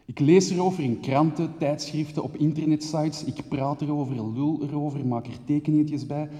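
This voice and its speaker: A man's voice: a little high, fairly even intonation, moderate pace, warm tone. A man giving an intense, rhythmic spoken-word monologue as a theater maker, reeling off long lists of words. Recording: long reverb of a hall.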